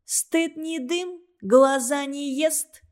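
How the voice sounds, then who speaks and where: Audiobook part: cheeky sarcastic girl, read by a woman, high and loud, teasing. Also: extremely slow. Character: sharp-tongued cheeky orphan girl. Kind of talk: audiobook character voice.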